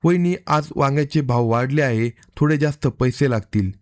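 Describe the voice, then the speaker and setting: A man reading the part of a worried, suspicious young man in a narrated story, in an earnest, steady voice. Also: mid-range voice, moderate pace, dry recording, natural voice.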